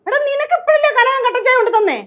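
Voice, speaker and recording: An actress playing a scolding, sharp-tongued old grandmother in a TV sitcom. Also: very high-pitched, lively intonation, rapid-fire. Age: older. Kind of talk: TV sitcom acting.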